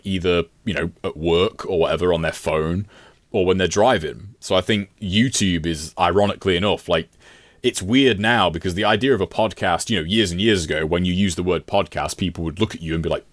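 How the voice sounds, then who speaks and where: A deep-voiced man, recorded with no echo, chats casually as a podcast guest. He's a gaming streamer and talks in a rambling, self-deprecating way.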